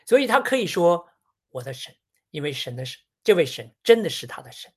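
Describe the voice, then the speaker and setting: A preacher giving a sermon on a Bible passage in a measured, teaching tone, often posing rhetorical questions. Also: mid-range voice, very animated, breathy edge.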